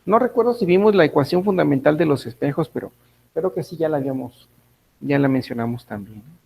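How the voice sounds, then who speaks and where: A man's voice: on the high side, lively intonation, brisk, creaky, darkish tone, husky, rough recording. A man teaching a physics class, thinking aloud, correcting himself and checking in with his students. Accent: Mexican Spanish. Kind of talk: online class lecture.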